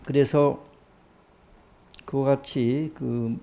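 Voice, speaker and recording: A man preaching a sermon in an animated way, often tossing rhetorical questions to his listeners. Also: medium pitch, extremely slow.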